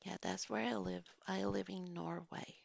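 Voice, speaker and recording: At home, a woman in her forties who vlogs and teaches reads a formal movie review aloud, then drifts into casual, digressive asides. Her fairly low, gravelly, husky voice keeps a fairly even intonation at a moderate pace. There's no room sound, and the high frequencies are cut off.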